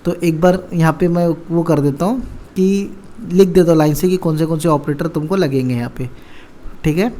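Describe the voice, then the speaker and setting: A man's voice: a little high, moderate pace, mellow. Chatty man teaching coding basics. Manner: conversational, keeps quizzing with rhetorical questions. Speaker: programming teacher. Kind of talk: casual coding tutorial.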